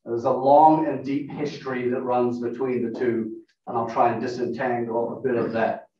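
A professor giving a guest lecture with slides in a meeting room speaks in a medium-pitched, dark, fairly flat voice with a non-American English accent. He explains things in a measured way, often saying "uh." The recording is distant, dull and lo-fi, with heavy room echo.

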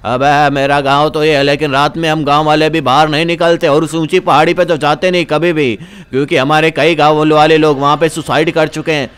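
A man's voice: a little high, level tone, fairly quick, few pauses, a bit bright, clean tone, pitched below the performer's own voice, natural voice. A young man voicing a stern old male villager who scolds and warns of ghosts. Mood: grave warning. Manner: grave, scolding, insistent.

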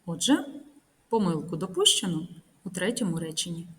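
A woman teacher narrating a recorded grammar lesson, reading example sentences slowly and carefully. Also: on the low side, very animated. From Ukraine.

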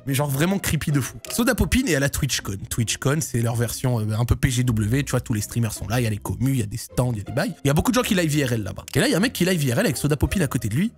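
A young man casually telling a strange story to his viewers, rambling and full of slang and fillers. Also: medium pitch. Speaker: YouTube storyteller.

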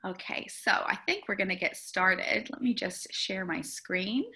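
Talking unhurriedly in a bright, pushed, medium-pitched voice, a young New Zealand speech therapist presents a webinar via video call. Her style is chatty and explanatory, dotted with fillers, and her webcam shows an indoor room with plants in the background.

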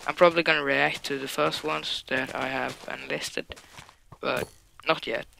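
A young man reading out viewer questions for his gaming channel and answering them in an offhand, deadpan way. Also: mid-range voice, moderate pace, gravelly, a little hiss or hum. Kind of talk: casual Q&A vlog.

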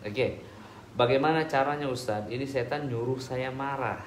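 A male ustaz answers audience questions in a chatty religious talk, acting out dialogues and checking that listeners understand. His medium-pitched voice moves at a moderate pace in an echoey hall with slight hiss.

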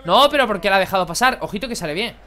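A young man, excitably commentating his own football video game match for viewers. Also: sits high, very fast. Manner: excitable, exclaiming, chatty. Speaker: gaming youtuber. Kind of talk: live gameplay commentary.

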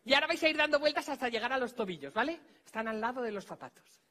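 Lively bantering Spanish stage magician, bright tone. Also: male voice, very high-pitched. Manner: bantering, teasing volunteers, giving quick orders. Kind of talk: live stage comedy magic act.

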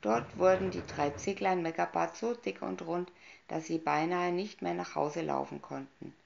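Gravelly woman reading a fairy tale. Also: fairly low pitch, normal speed, slight background noise. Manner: calm storybook narration with picture cues. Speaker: storyteller. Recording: dull lo-fi recording.

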